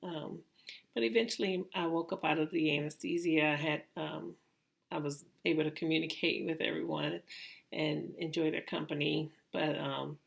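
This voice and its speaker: A middle-aged woman with a gravelly voice, telling a personal story casually and haltingly, like a vlogger. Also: deep voice, steady tone. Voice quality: gravelly, creaky voice. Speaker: vlogger recounting own surgery.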